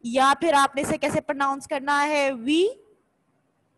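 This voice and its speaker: A woman's voice: high-pitched, level tone, normal speed, a bit bright, slight background noise, poor audio. A woman teaching a class in a patient step-by-step way, often checking "theek hai?" and switching between Hindi and English. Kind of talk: recorded classroom lesson.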